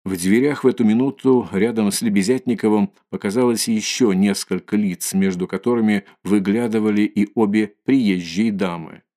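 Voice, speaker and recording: A man narrating a classic novel in a measured, even reading. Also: lowish voice. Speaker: audiobook narrator. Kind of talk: scripted narration.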